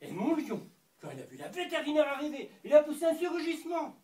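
A man performing a comic stage dialogue, bickering back and forth in an animated way. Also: very high-pitched, fairly quick. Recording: distant mic in an echoey hall.

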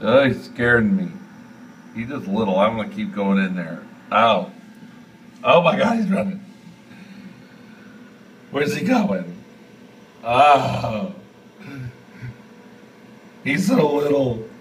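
A man's voice: medium pitch, lively intonation, slow pace, pauses often, distant mic, slight background noise, low-quality recording. A man improvising theatrically as he films, swearing and reacting with melodrama, speaking indoors into a handheld phone. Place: indoors at a metal sink. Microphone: handheld phone camera.

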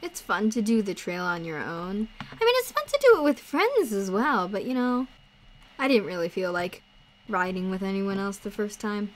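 Chatty, excitable woman gaming streamer. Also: medium pitch, moderate pace. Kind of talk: casual game commentary.

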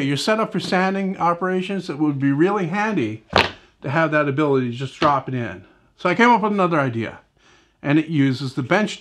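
A man's voice: on the high side, fairly bright tone. A middle-aged man hosting a woodworking video, talking casually in his home workshop, rambling and correcting himself as he goes. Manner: rambling, conversational, self-correcting, lots of "right?" and "you know". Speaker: woodworking channel host. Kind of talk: casual workshop demo talk. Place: home woodworking shop, indoors.

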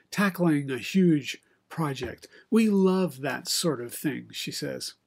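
An older man, preaching a sermon from a home study with bookshelves into a webcam, in a measured, reflective way with many pauses. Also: a little high, a little mellow. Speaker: pastor. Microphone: video call webcam, head and shoulders.

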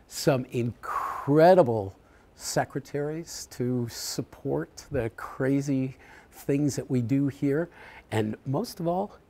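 Brief: man in his sixties, retiring professor giving a farewell lecture, gravelly voice, heartfelt and reflective. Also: medium pitch, warm tone. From US Midwest. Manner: reflective, heartfelt, halting with fillers. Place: lecture hall.

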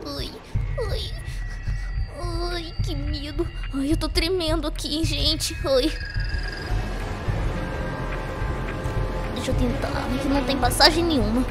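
Brief: jittery Brazilian pony girl played by a woman, screechy, sky-high voice, game music underneath. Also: measured pace. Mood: tense whispering. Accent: Brazilian Portuguese. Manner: jittery, squealing and shrieking when scared. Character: young female pony, sporty and easily frightened. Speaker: gaming youtuber. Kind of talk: let's play commentary in character.

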